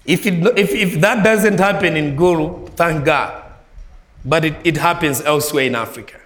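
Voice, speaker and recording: A Malawian man with a Malawian accent preaches a sermon as a guest preacher in a church, alternating between soft, low phrases and raised, ringing lines. His pace is moderate, and the room echoes.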